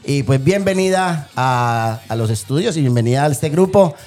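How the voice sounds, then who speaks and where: A man's voice: medium pitch, lively intonation, normal speed, a little mellow. A man from Colombia co-presenting a radio show, talking casually and often repeating words.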